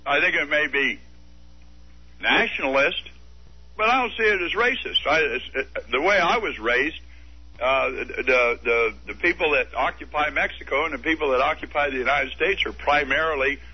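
This radio caller has a fairly high, husky voice and speaks at a normal speed. He argues his position in an earnest, firm manner on a call-in debate show, and the broadcast sounds dull and lo-fi.

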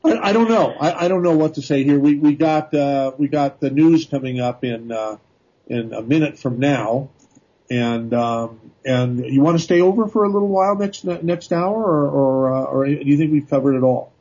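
An American man casually hosting a live radio call-in show in a hesitant, halting way. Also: medium pitch, darkish tone, husky, dull audio.

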